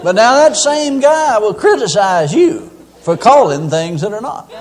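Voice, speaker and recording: A man's voice: sits high, very animated, unhurried, a faint crowd. A man preaching a sermon in a church, folksy and humorous as he tells his examples.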